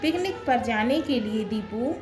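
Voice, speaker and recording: Slow, careful woman teacher. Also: fairly high pitch, lively intonation, over music. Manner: reads word lists aloud one by one, then answers each question. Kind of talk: slow, deliberate textbook lesson.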